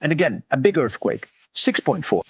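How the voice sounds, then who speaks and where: A man's voice: medium pitch, sing-song, moderate pace, gravelly, husky, dry recording, muffled recording. A man giving live breaking news commentary, reading out updates and figures in short, clipped phrases.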